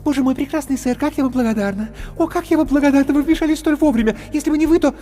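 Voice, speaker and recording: For an audiobook, a man pushes his voice extremely high to play a gushing young woman clown, breathless and flattering, who chatters theatrically and heaps on praise. His delivery is rapid-fire with a dark tone, and the recording is reverberant with background music underneath.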